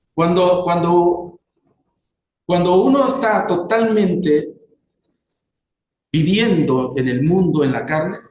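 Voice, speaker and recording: A man's voice: on the high side, a little mellow, slight background noise. Man preaching in an echoey room. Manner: conversational, asks the congregation questions. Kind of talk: sermon.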